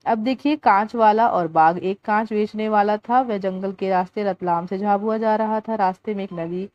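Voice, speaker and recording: A woman's voice: medium pitch, no echo. Woman teacher reading a workbook aloud. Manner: deliberate, explaining, occasional restarts. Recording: dull lo-fi sound.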